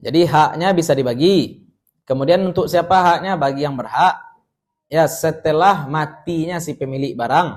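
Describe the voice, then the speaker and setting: A man's voice: on the high side, normal speed. Joking Minangkabau-accented male preacher. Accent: Minangkabau Indonesian. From West Sumatra. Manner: lively, joking, explains Arabic terms. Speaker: Islamic teacher. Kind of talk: religious study lecture.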